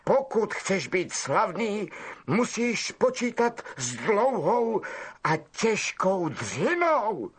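A man voicing a vain, evasive middle-aged male wizard professor in an affected, drawn-out, self-pleased way. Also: high voice, very animated, breathy edge, pitched above the performer's own voice, heavily acted. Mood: smug.

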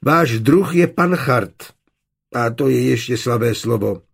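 A man's voice: mid-range voice, animated, darkish tone, slightly rough, pitched above the performer's own voice. A man reading an audiobook, voicing an indignant young servant woman with a raised voice. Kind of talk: audiobook character voice.

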